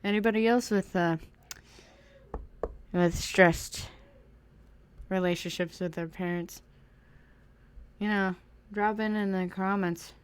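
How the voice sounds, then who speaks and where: Her medium-pitched voice is clear and resonant, fairly even in intonation, slow, with long pauses. In a casual bedroom story time, this young woman plays a driving game and stumbles through her tale with ums, restarts and self-deprecating remarks.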